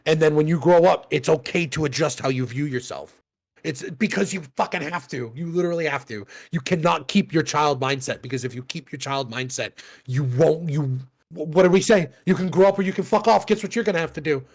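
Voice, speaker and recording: Fairly high-pitched and brisk, a thirty-something man co-hosts a podcast in loose, casual conversation. He rambles, swears, and frequently laughs at his own expense.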